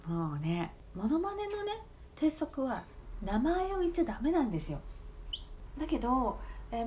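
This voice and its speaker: Woman, casual monologue, chatty, laughing, very lively pitch, faint hiss behind. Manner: chatty, laughing, lots of fillers and asides. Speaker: talk app streamer.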